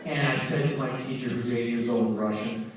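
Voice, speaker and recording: Energetic man in a very echoey hall. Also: medium pitch, fairly quick. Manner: energetic, storytelling, jokes with the crowd. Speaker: musician speaking to a concert audience. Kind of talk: lively stage talk to an audience. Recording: very echoey hall, distant mic, faint noise.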